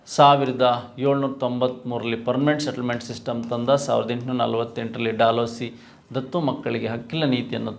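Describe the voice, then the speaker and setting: Reviewing quiz questions in a lecture, this exam coach speaks with a Karnataka Kannada accent and a gravelly, medium-pitched voice. He teaches didactically, going back over the key points and throwing out rhetorical questions.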